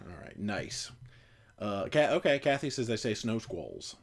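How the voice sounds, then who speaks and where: A playful American man chats casually on a livestream, reading viewer comments aloud. His pitch swings widely, rising high whenever he jokes. A relaxed, unscripted host voice. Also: measured pace. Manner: animated, playful, jumps in pitch when joking.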